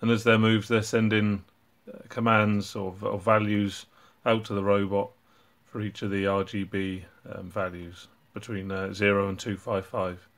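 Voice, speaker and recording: Guy with a low flat voice talking through his robot build, lots of ums, laid back. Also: normal speed, hardly any pauses. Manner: relaxed and explanatory, with frequent ums and uhs. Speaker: robotics hobbyist channel host. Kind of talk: casual project walkthrough.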